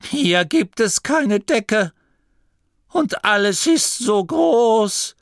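Give me a man voicing a pompous, nervous old gnome abbot in an audiobook, high and wavering, slow. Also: sing-song, a bit bright, dry recording, studio quality, exaggerated voice. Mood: fearful. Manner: flustered, stammering, high-pitched. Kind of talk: audiobook character voice.

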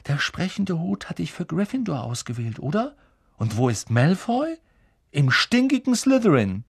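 An earnest teenage schoolboy in an audiobook, speaking low-key in a husky voice, as a man reads him. The sound is dry and close. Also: big pitch swings, moderate pace, no room sound, full character voice. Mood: reassuring. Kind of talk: audiobook character voice.

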